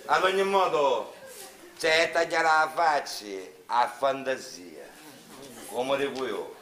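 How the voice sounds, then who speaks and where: A man's voice: mid-range voice, takes it slowly, fairly bright tone. An actor playing a swaggering, menacing small-time tough guy in Sicilian dialect comedy, an older man with a Sicilian accent. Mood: threatening. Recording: roomy stage, clear background noise.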